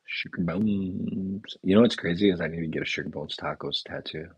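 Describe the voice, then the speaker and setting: Gravelly low-voiced man chatting casually. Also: moderate pace, dry recording, highs cut off. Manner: laid-back, reads viewer comments aloud and riffs on them. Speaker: chef and restaurant owner hosting a live chat. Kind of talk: casual live-stream chat. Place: indoors, talking to a live chat.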